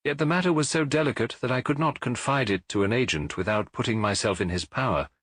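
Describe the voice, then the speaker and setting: A man voicing a grave, imperious Bohemian king in disguise for an audiobook, speaking formally and deliberately. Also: mid-range voice, a bit bright, dry recording, lightly acted. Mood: grave, explaining. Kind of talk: audiobook character voice.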